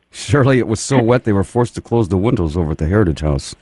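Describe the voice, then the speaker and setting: A man's voice: lowish voice, mellow, slight background noise. A man hosting a radio show, wisecracking through a string of one-liners and laughing at his own jokes. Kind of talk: joking radio banter.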